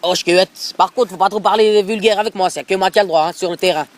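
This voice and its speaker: Man putting on a pushy Alsatian football coach, high voice, rambling prank call, phone close to the mouth. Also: fast, natural voice. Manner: pushy, rambling, repeats filler tags. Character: brash bigoted middle-aged male football coach, pushy. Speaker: prank caller. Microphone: phone held close to mouth.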